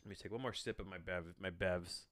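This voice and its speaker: A man hosts a solo podcast, chatting in a rambling, halting way and often backtracking mid-sentence, with a bemused, self-deprecating manner. His low voice keeps a steady tone and sounds a bit bright.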